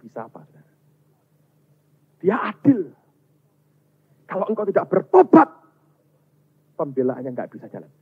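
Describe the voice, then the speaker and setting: A man preaching a sermon as a pastor, emphatic and swinging from loud to soft. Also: fairly high pitch, breathy edge. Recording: tinny, phone-like sound.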